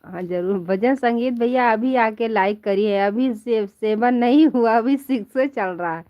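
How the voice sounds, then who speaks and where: A woman's voice: fairly high pitch, measured pace, no room sound, muffled recording. A woman chatting playfully with viewers on a live stream from bed at home, laughing often and calling them her children. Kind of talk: casual live chat with viewers. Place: at home in bed under a quilt.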